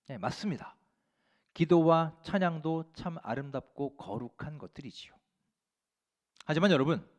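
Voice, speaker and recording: A man pastor delivering an earnest Sunday sermon in a church, full of rhetorical questions and exhortation. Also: fairly high pitch. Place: church sanctuary.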